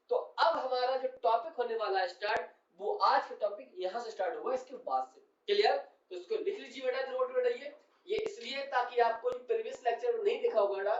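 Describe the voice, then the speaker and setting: A man teaching chemistry to a class, explaining step by step, repeating key terms and often asking whether students have understood. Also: extremely high pitch. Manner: keeps checking understanding and calls students "son". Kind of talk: classroom lecture. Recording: roomy, distant and dull-sounding.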